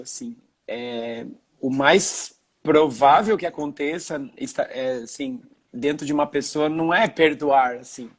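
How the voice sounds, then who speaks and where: A man hosting a conversation, talking reflectively, pausing and searching for words. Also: on the high side. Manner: hesitant, searching for words, trailing off.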